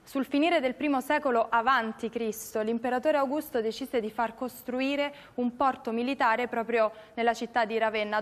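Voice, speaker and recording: A young woman in her twenties, a student guest, answers a question. She speaks carefully and hesitates now and then. Her voice is fairly high, and the studio gives it a long reverb. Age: 20s.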